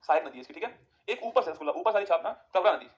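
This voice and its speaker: A man teaching an exam-prep geography lesson, firing quick questions at students and answering them himself. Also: sits high, lively intonation.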